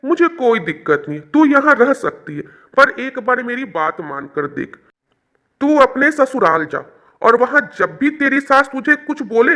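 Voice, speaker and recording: A man's voice: extremely high pitch, sharp tone, full character voice. A man playing an anxious, coaxing father. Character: worried, gentle middle-aged father.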